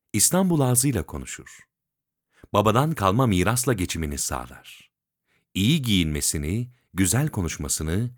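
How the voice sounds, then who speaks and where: A man reading a textbook lesson aloud in a measured, list-like way, pausing between items. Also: fairly low pitch, no echo, clean studio sound.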